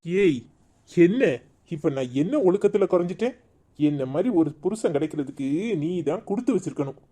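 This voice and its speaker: A man's voice: fairly high pitch, lively intonation, fairly quick, dark tone. A man voicing a scolding village husband torn between two wives, with a Tirunelveli Tamil accent. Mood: indignant. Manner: scolding, name-calling. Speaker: voice actor in a cartoon comedy. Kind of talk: village cartoon drama.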